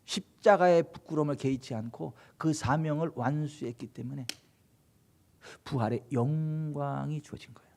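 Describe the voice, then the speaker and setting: A male pastor in full preaching mode, his voice sitting a little high for a man. He drives his points home with rhetorical questions. He moves from ringing exhortation to quiet, low-spoken passages. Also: normal speed, creaky. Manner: swings between loud exhortation and hushed low delivery. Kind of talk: Korean sermon at a Friday late-night service.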